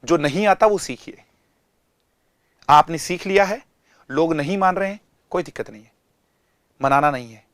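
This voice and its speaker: A man with an Indian accent teaching an online language lesson in a lively, teasing, mock-exasperated way. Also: fairly high pitch, normal speed, long pauses, dry recording, clean studio sound.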